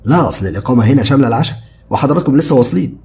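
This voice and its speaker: A man's voice: mid-range voice, lively intonation, rapid-fire, dark tone, slight background noise, pitched above the performer's own voice, close to an everyday voice. A man voicing a courteous adult hotel waiter speaking formally, in an Egyptian Arabic accent.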